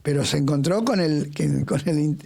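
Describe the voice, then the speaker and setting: A man's voice: on the high side, moderate pace, gravelly, dark tone. A man co-hosting a church Bible study conversation, reflective and explaining ideas step by step.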